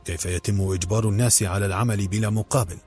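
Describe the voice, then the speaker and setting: A man's voice: on the low side, fairly even intonation, very fast, soft background music, close to an everyday voice. A man voicing a fiery, indignant old uncle. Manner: passionate, sharp. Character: fiery older male activist uncle.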